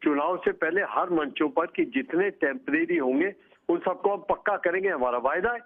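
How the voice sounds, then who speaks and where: A man's high voice comes over a tinny phone line. He speaks as a politician guest, indignant and accusatory. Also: normal speed. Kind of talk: live remote news interview.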